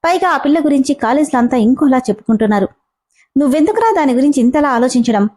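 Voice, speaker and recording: A teasing young college guy, read by a woman narrator in a storybook, light and mocking. The voice sits high and mellow. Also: animated, quick pace. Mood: musing. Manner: teasing, mock-scared, light. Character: playful teasing male college student.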